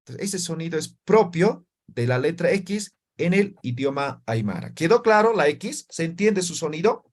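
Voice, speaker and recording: A man's voice: on the high side, lively intonation, normal speed, hardly any pauses. A man teaching an online language class, drilling students through repeated syllables and often tagging his sentences with short questions. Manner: frequent tag questions.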